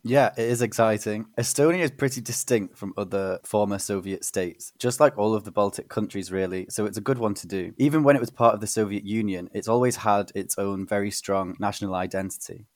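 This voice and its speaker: A man co-hosting a podcast, relaxed and chatty, telling anecdotes. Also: lowish voice, fairly quick, few pauses, dry recording, studio quality. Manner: relaxed, laughs, tells anecdotes. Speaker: podcast co-host. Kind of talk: casual chat.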